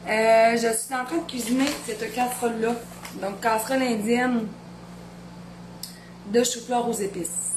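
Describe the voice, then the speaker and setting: A chatty woman in her thirties with a Beauce Quebec French accent rambles as she cooks and talks with family off camera. Her voice sits a bit high. The kitchen sounds echoey, with steady noise behind her. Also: measured pace, long pauses. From Quebec, Beauce region. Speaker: home cooking vlogger. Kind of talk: casual kitchen chat. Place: home kitchen.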